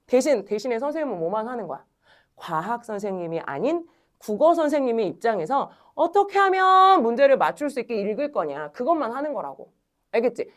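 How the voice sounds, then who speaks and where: Lively woman teacher telling a class story. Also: a little high. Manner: lively, chatty, acts out students' grumbles. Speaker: high school Korean language teacher. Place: classroom at a cram school.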